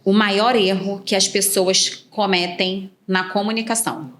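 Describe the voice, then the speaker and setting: A woman's voice: mid-range voice, steady tone, measured pace, a little hiss or hum. A woman hosting a podcast, making short backchannel remarks and asking friendly questions. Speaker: podcast host. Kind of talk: casual podcast interview.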